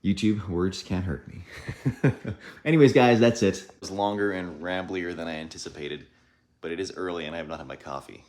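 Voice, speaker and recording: A man in his thirties hosting a casual home video review, rambling and self-deprecating, with a low, deep morning voice. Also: a little fast, a little mellow. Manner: rambling, self-deprecating, lots of fillers and asides. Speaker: channel host reviewing home espresso machines.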